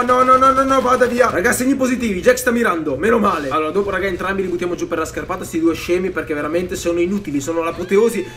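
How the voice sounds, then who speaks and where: A man giving excitable let's-play commentary, swearing a lot and yelling in panic at enemies while addressing viewers directly. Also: high voice, a little hiss or hum. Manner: talks to viewers as "raga". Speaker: gameplay commentator.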